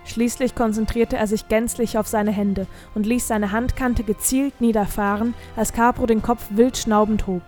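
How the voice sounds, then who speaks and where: A woman reading a fantasy audiobook in steady, scripted narration. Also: a little high, normal speed, hardly any pauses, soft background music.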